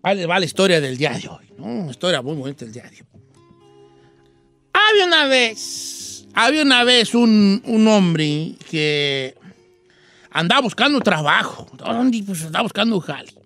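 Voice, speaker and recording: A man's voice: high-pitched, sing-song, normal speed, sharp tone, no room sound, faint music behind. A male radio host with a Mexican Spanish accent tells a comic folk tale in a chatty, slangy way and makes his own sound effects. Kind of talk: comic folksy storytelling.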